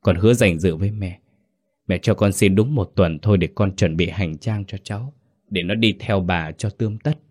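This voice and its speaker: A man's voice: sits low, normal speed, darkish tone. A man voicing a desperate father who pleads and insists in a horror story reading. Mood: pleading.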